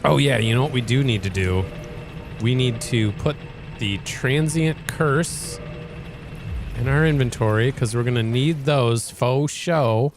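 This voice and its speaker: A man's voice: mid-range voice, a little slow, over music. A man hosting a let's play, giving casual gameplay commentary in a rambling, hesitant way with frequent restarts.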